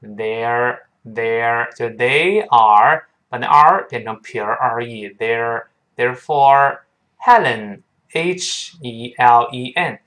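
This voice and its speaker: A man teaching English pronunciation in Mandarin Chinese, who drills each phrase slowly and repeats it for his students to say back. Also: mid-range voice, a bit bright.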